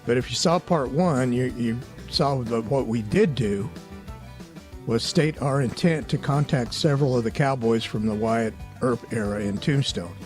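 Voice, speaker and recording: A man hosting a paranormal investigation show, giving a casual voice-over recap in a relaxed, conversational way and often hedging his opinions. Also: medium pitch, moderate pace, soft background music.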